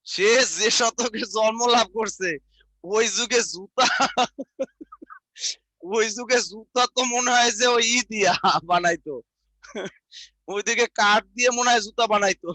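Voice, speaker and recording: Bright-voiced man with Barishal accent. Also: high voice, steady tone, normal speed, long pauses, dry recording. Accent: Barishal Bengali. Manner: repetitive dictation, chatty asides. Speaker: teacher. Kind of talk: online exam-prep lecture.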